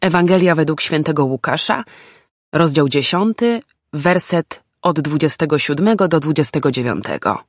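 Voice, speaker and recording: A woman narrating a children's storybook audiobook in an expressive, lively reading voice. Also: deep voice, normal speed, no room sound, clean studio sound.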